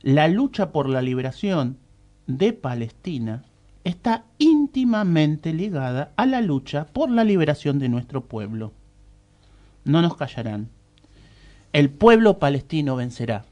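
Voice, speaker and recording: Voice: medium pitch, big pitch swings, a little slow, darkish tone, lo-fi sound. A speaker with an Argentine accent, emphatically reading out a political statement as a committee spokesperson.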